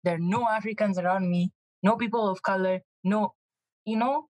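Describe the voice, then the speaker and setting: A young woman from Kenya talking casually as an interview guest, animated and quick to laugh, with frequent restarts. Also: medium pitch, dry recording, rough recording.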